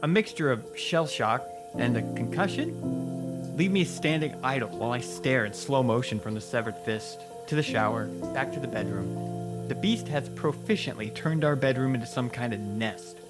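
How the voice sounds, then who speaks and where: A man giving a dramatic, scripted first-person narration of a horror story, with deliberate pauses. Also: medium pitch, lively intonation. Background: music.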